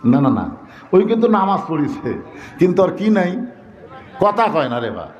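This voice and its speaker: A man preaching a sermon, animated and emphatic, breaking into sung verses and jokes. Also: high-pitched, normal speed, reverberant, lo-fi sound.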